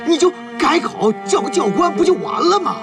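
An actor playing an anxious officer who keeps the peace in a war drama, pleading and placating. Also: male voice, extremely high pitch, sing-song, brisk, full character voice. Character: flustered male officer anxiously keeping the peace. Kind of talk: television period war drama. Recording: distant mic, loud music behind.

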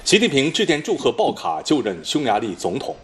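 A man speaking standard Mainland Mandarin as a formal news anchor, reading scripted news in a measured, authoritative way. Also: mid-range voice, wildly swooping pitch, a little hiss or hum. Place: broadcast news studio.

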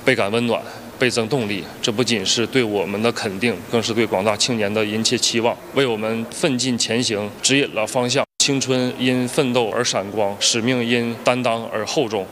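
A man's voice: mid-range voice, fairly even intonation, normal speed, hardly any pauses, a bit bright, a little hiss or hum. A man giving a prepared formal statement as an interviewee, earnest and recited. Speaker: athlete interviewee.

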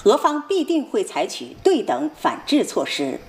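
A woman presents the news as a formal anchor in standard mainland Chinese Mandarin. Her medium-pitched voice has highly animated intonation. She reads from a script with measured, official announcer delivery.

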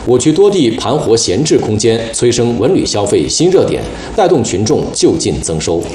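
A man speaks as a formal news anchor in standard mainland Mandarin, with an animated pitch range. His scripted delivery is set in a studio that sounds roomy, with faint background noise. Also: moderate pace.

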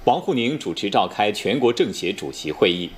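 Formal male news anchor, lower-pitched voice. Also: sing-song, a little fast. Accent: standard mainland Chinese Mandarin.

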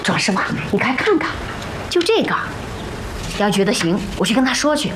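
An actress playing a pushy, chatty middle-aged matchmaker with a Northeastern Chinese accent in a naturalistic TV drama. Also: female voice, a little high, big pitch swings, a little fast, background noise. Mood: coaxing, chatty. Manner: chatty, coaxing. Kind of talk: naturalistic television drama acting.

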